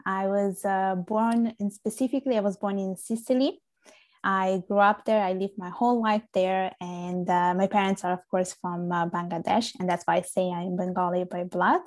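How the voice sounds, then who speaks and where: A woman's voice: mid-range voice, flat delivery, normal speed. A chatty young woman from Italy. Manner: earnest, chatty, frequent fillers. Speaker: podcast guest. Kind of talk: casual interview conversation.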